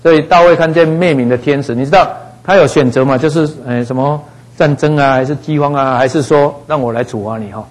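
A man teaching a Bible passage in a relaxed, conversational way, dropping frequent little fillers. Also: on the high side, a little fast, rough recording. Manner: conversational, frequent "哈" fillers, acts out voices in quotes.

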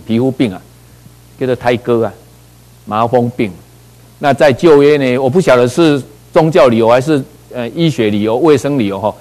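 A middle-aged man from Taiwan, a pastor preaching a sermon, telling a story with lively asides and rhetorical questions. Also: mid-range voice, low-quality recording.

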